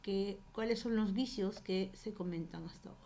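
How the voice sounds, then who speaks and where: A woman university teacher with a Peruvian Spanish accent gives classroom instructions. She speaks slowly and haltingly and repeats herself. Her voice sits at a middle pitch. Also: gravelly, dark tone.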